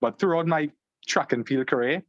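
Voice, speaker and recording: A young man from Trinidad and Tobago with a Trinidadian accent, a guest on an interview podcast, telling his story in a relaxed way, joining over a video call. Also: fairly high pitch, normal speed, no echo. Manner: relaxed storyteller, fillers, "long story short". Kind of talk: conversational interview. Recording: slightly dull, dry call audio.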